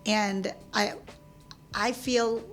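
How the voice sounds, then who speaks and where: A woman in her forties from the Philippines, a podcast guest talking casually, halting with many restarts and frequent laughs. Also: mid-range voice, steady tone, faint music behind. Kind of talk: casual interview chat.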